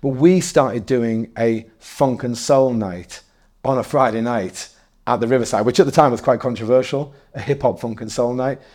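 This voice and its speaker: A man's voice: medium pitch, moderate pace, a little mellow. A man in his forties talking as a guest in a casual interview, rambling and correcting himself, often breaking into laughs. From North East England.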